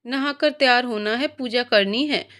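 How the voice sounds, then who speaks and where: A woman's voice: on the high side, normal speed, fairly bright tone, close to an everyday voice. A woman voicing a sweet, caring young bride in a storybook reading, speaking earnestly and politely.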